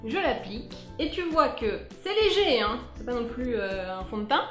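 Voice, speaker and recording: Chatty woman with an airy, high voice. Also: big pitch swings, normal speed, fairly bright tone, roomy sound, soft background music. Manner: chatty, playful, bursts into sung asides. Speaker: beauty vlogger. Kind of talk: casual product review.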